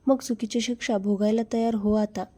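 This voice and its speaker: A woman's voice: on the high side, fairly even intonation, normal speed, dark tone, slightly rough. A woman voicing a brazen man who speaks in an insistent, coaxing way. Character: brazen pushy man, friend of husband.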